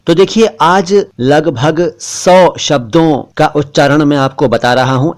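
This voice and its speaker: Slow, careful male pronunciation teacher. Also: fairly high pitch, darkish tone. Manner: slow, careful enunciation of single words. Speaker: language teacher. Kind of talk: pronunciation lesson.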